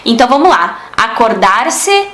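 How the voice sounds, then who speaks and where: A woman's voice: a little high, sing-song, unhurried, fairly bright tone, echoey room. A woman, teaching a casual online Spanish lesson and often checking in with her listeners. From Brazil. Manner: chatty, asks listeners "né?" and "tá?" often.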